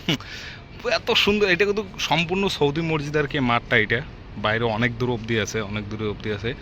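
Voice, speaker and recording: A man's voice: medium pitch, sing-song, fast, pushed and bright. A man from India vlogging casually as he walks around, chatting to his viewers with lots of filler words. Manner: chatty, addresses viewers as guys, many fillers. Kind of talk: casual walking vlog. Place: outdoors in a city, then inside a large mosque. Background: traffic and city ambience.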